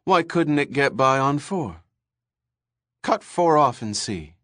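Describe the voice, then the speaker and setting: A man putting on an excitable, anxious woman, high and pleading, coaxing the people around her. Her voice jumps sharply up and down. The recording is dry and close. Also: slow pace, dry recording. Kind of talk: audiobook character voice.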